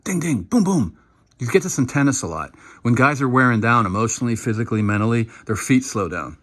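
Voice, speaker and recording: A man giving casual, animated commentary while breaking down football game film, now and then acting out what the players shout. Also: mid-range voice, fast. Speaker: football analyst.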